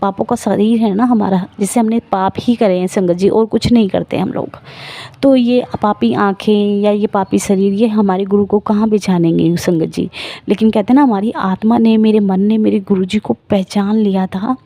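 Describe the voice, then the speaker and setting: A woman's voice: mid-range voice, steady tone, moderate pace, dark tone, no room sound. A middle-aged woman earnestly telling the congregation her devotional testimony in an emotional storytelling manner. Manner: emotional, earnest storytelling, addresses listeners as sangat ji.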